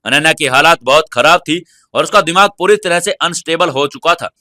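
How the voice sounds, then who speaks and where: A man narrating a serialized audio story in a steady storytelling manner. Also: on the high side, fairly quick, no room sound, clean studio sound.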